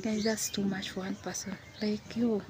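Out in green countryside, a young Kenyan woman vlogs to her phone at arm's length, earnestly pleading and repeating herself. She speaks at normal speed in a mid-range, level voice. A crowd can be heard behind her, and the outdoor phone recording carries clear background noise.

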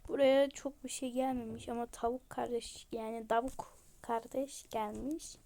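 A woman giving casual, excitable commentary as she plays a game, gushing over cute things. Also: on the high side, moderate pace, vocal fry. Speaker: game vlogger.

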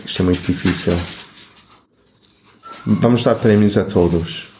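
A man's voice: low voice, a little slow, mellow, slight background noise. A man with a European Portuguese accent co-hosting in casual, easygoing chat, with some hesitations. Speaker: co-host.

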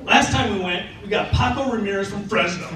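A man from South Dakota doing a stand-up comedy set with animated, self-mocking storytelling on a club stage. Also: high voice, a little fast. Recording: echoey club from far off, loud noise.

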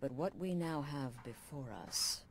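A woman's voice: low-pitched, a little slow, a little hiss or hum. An actress voicing a hard-edged female assassin guild leader in a video game, blunt and commanding with a wry edge. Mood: stern. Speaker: game character.

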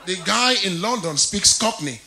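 A man's voice: sits high, animated, normal speed, gravelly, a crowd in the background. A man preaching a sermon in a church, jovial and laughing often, repeating key phrases with rising emphasis. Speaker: pastor.

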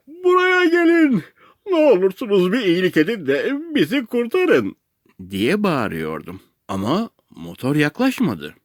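A man's voice: on the low side, dry recording, studio quality. Man reading a comic story expressively. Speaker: audiobook narrator.

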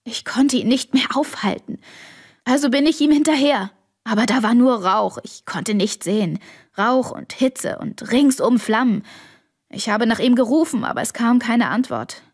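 A woman's voice: a little high, lively intonation, normal speed, slightly rough. Woman reading as a shaken neighbor dad, hesitant and worried, stops and starts. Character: worried neighbor father, middle-aged man. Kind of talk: audiobook reading.

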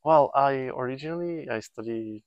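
This is a man in his thirties talking about volunteer building work on a countryside site. He wears a lapel mic, so his voice sounds close and dry. His pitch sits in the middle, and he hesitates and restarts often while he searches for words. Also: moderate pace, clean tone, no room sound, lo-fi sound. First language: Portuguese. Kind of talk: casual on-site interview.

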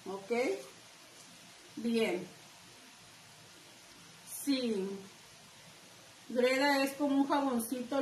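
Slow-talking, high-voiced Mexican craft teacher. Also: female voice, far from the mic. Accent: northern Mexican. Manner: chatty, addresses viewers directly. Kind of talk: live craft class. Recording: echoey room, faint background noise.

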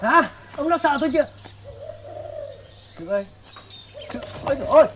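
An actor playing a boastful, newly rich village man who talks loudly and bossily. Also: very high voice, animated, normal speed, noisy background. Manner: bragging, loud, bossy. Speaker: comic actor.

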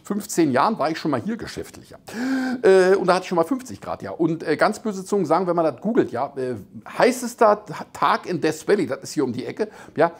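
A man's voice: fairly high pitch, slightly rough. A man giving sarcastic commentary on news items, rambling, mocking, and laughing at his own jokes. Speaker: satirical commentator. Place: Las Vegas.

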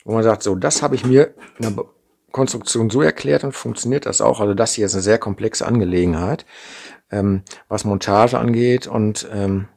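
At an indoor workbench, a middle-aged man from the Ruhr with a Ruhr German accent demonstrates building a model kit unscripted, chatty and thinking aloud with frequent "ne?" tags. He speaks at a normal speed in a fairly low, gravelly, slightly mellow voice, captured by a camera mic over the table with his hands in frame.

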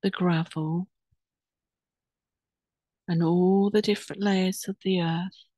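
Pausing between phrases, a woman soothingly and slowly talks listeners through a guided meditation. The dry recording captures a low, steady, mellow voice.

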